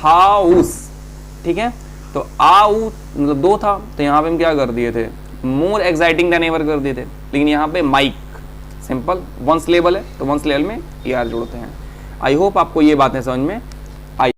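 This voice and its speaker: Man teaching grammar, quick Hindi asides. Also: fairly high pitch, animated, slight background noise. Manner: reads English examples slowly, explains in quick Hindi; asks students questions and answers them himself. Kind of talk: exam-prep grammar lesson.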